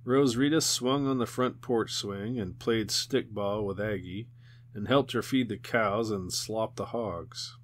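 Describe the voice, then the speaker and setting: A man narrating a children's novel in a steady, measured way. His voice sits on the low side, and the reading moves at an even, unhurried pace. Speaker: audiobook reader. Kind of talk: audiobook narration.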